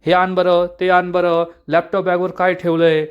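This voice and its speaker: A man's voice: high voice, monotone, moderate pace, smooth, muffled recording, close to an everyday voice. Male reader as a curt, bossy husband. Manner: ordering, curt.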